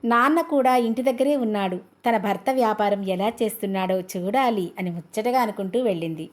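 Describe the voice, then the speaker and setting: A woman reading a comedy story aloud in a gentle, friendly storytelling manner. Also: mid-range voice, a little fast.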